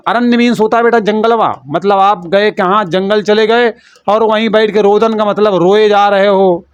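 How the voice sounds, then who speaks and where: A man's voice: sits high, smooth, no room sound, lo-fi sound. A man teaching a lesson for an exam, explaining in a playful, teasing way and calling the students "beta".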